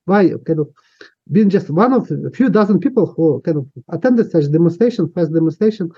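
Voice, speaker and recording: Recorded with dull lo-fi sound, a Ukrainian man in his fifties is interviewed about his personal history, speaking English as a second language with a Ukrainian accent. He recounts his past hesitantly, full of fillers and restarts, in a slightly rough, dark-toned voice that runs on the high side with lively intonation and a little fast.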